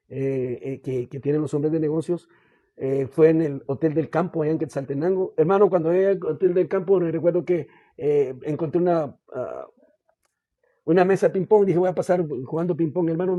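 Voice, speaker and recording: High, dark-voiced Guatemalan pastor. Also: male voice, no room sound, highs cut off. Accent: Guatemalan Spanish. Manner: earnest storyteller, keeps addressing the listener as "hermano"; halting, with many restarts and fillers. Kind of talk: personal faith testimony in a podcast interview.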